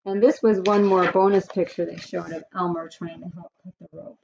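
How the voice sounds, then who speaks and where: Teacher lady reading a storybook to her class, a bit of vocal fry, dull lo-fi audio. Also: on the low side, steady tone, a little fast, darkish tone. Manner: friendly, explaining, some fillers. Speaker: teacher reading aloud to students. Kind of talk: picture-book read-aloud. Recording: dull lo-fi recording.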